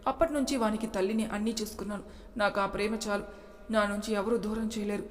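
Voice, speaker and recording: A woman's voice: mid-range voice, fairly even intonation, fast, in a large hall, close to an everyday voice. A woman narrator voicing a defiant young mother who speaks bitterly in defence of her son. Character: tearful, defiant young mother, fiercely protective.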